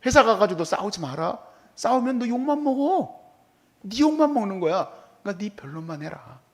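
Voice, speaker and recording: Animated, high-pitched male pastor preaching. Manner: animated, conversational preaching with quoted asides. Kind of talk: sermon. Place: church hall.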